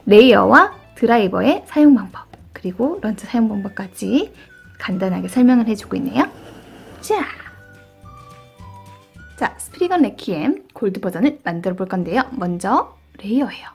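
A woman's voice: a little high, vocal fry, breathy edge. A woman hosting a children's toy show, presenting in a showy, exclaiming way with playful sound effects, like a kids' party entertainer. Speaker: children's toy channel host.

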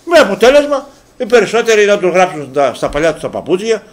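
Local TV sports host, man from Greece, high voice, animated ranting commentary full of rhetorical questions. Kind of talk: casual talk-show commentary. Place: local TV studio.

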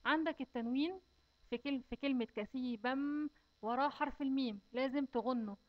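Egyptian woman teaching slow Quran recitation. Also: high voice, highs cut off. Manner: slow, drawn-out recitation alternating with clear explanation. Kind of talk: children's recitation lesson.

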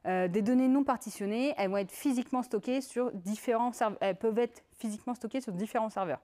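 A woman giving a technical conference talk, in a lively conversational way with many fillers and asides. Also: a little high, fast. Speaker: conference speaker.

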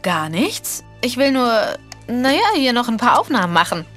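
A woman's voice: a little high, big pitch swings, normal speed, fairly bright tone. An actress voicing a young woman journalist in a video game, playful and a little evasive. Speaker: game character. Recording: game audio under music.

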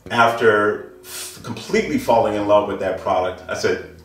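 A middle-aged man with a lowish voice talks at a moderate pace, presenting products as an audio dealer in a relaxed yet emphatic way and repeating favorite phrases. The recording comes from a handheld camera a few meters away in an echoey, wood-floored indoor listening studio, with music behind him.

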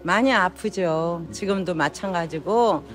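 A woman's voice: fairly low pitch, measured pace, soft background music. A woman in her sixties speaking casually as an interview guest, sharing personal testimony into a handheld phone indoors. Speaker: interview guest, church member. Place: indoor hotel lobby lounge. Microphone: phone held near the mouth by interviewer.

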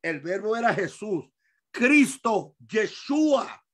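A male pastor leads a Bible study in Spanish and presses the key points again and again. He speaks slowly and deliberately, firing questions at the room. He drops to quiet asides, then rises to shouted emphasis. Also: high-pitched, big pitch swings. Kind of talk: teaching Bible study to a congregation. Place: church hall.

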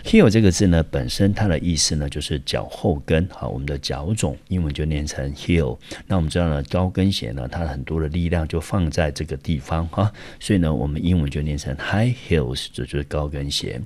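A man from Taiwan teaches English vocabulary in a very deep, low voice. He explains each word patiently and step by step, pausing often on small fillers as he goes. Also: darkish tone. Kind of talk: vocabulary lesson.

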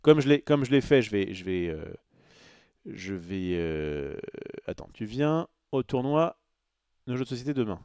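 A man's voice: lowish voice, sing-song, unhurried, dark tone, clean tone, dry recording. Guy streaming, rambly, lots of euh and restarts, dry close sound. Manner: rambling, lots of fillers and restarts, reads out chat. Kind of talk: casual live-stream chat.

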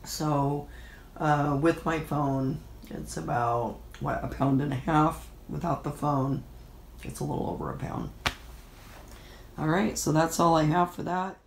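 A woman's voice: low-pitched, unhurried, vocal fry, a little hiss or hum. A middle-aged woman with a stuffy, nasal voice, sniffling with a bad cold as she talks casually through a gear vlog. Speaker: vlogger. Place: indoors in a room at home.

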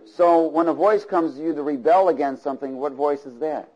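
Man, preacher, fairly high voice, rhythmic repeated phrases, church sermon. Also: brisk, darkish tone, highs cut off. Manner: asks the congregation for call-and-response agreement. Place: church before a congregation.

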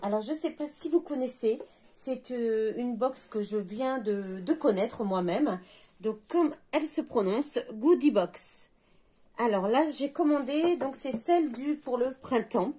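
A woman's voice: a little high, animated, unhurried, mellow, husky. A woman reviewing a beauty box, talking hesitantly and reading product labels aloud.

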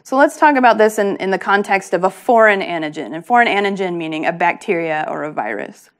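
A woman's voice: mid-range voice, animated, brisk. A woman research scientist giving a patient, plain-spoken public lecture, with frequent ums.

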